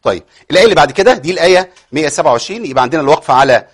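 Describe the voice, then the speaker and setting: Speaking very fast in a slightly high, husky, animated voice, a male Quran teacher with an Egyptian accent runs a tajweed lesson. He explains the rules, poses rhetorical questions and answers them himself, and recites examples.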